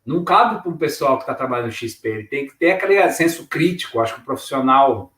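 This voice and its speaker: A Brazilian man with a Brazilian Portuguese accent, hosting a casual podcast chat and asking animated, emphatic questions. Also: fairly high pitch. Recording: roomy and distant from the mic.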